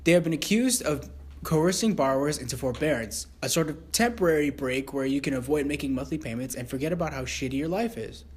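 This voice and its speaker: A man's slightly high, husky voice delivers a scripted satirical newscast. He plays the anchor with mock seriousness, slipping crude asides into otherwise formal news reading. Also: a little fast.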